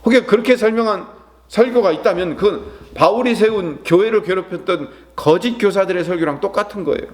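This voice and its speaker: A man's voice: high-pitched, a little fast. A man preaching a sermon as pastor, acting out prayers and quotes, then asking the congregation questions and answering them himself.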